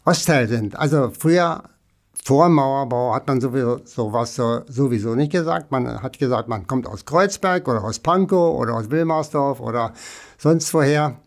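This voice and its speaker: A man's voice: medium pitch, animated, moderate pace. A man, chatting casually as an interview guest and rambling with many fillers. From Berlin, Germany. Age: 80s.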